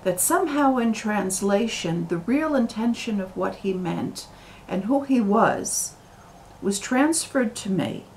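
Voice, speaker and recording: An American woman talking to camera in a slow, deliberate monologue, full of pauses and fillers. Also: mid-range voice, expressive, darkish tone, slight background noise, rough recording. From United States. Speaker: video commentator.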